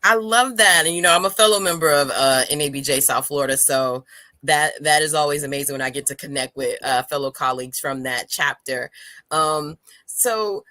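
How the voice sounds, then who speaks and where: A woman hosts an interview in a bright, crisp voice, encouraging her guest. The sound is dry and close, with no room echo. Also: sits low, moderate pace. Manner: encouraging, conversational. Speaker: interview host. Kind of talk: casual interview conversation.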